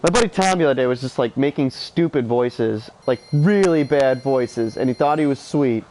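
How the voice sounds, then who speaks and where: This thirtysomething streamer sounds stuffy and tired as he chatters casually about his game, profane, rambling and opinionated. His mid-range voice is expressive and darkish at a moderate pace; the audio is poor, with slight background noise and game music.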